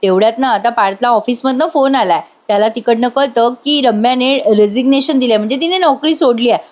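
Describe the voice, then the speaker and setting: A woman's voice: a little high, brisk. A woman narrating a voice-over recap of a TV serial, chatting directly to her viewers.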